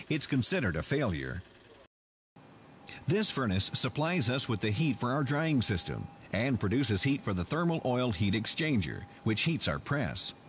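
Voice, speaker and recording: A man narrates a scripted plant tour in a measured, explanatory way. His mid-pitched voice moves up and down in a lively way. Faint machinery noise sits behind him.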